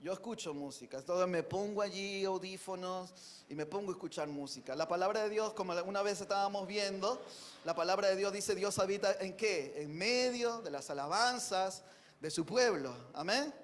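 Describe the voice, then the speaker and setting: A man from Peru preaching a sermon, earnest, moving between emphatic declarations and quiet reflective asides, with many rhetorical questions to his listeners. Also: high-pitched, normal speed, a little hiss or hum.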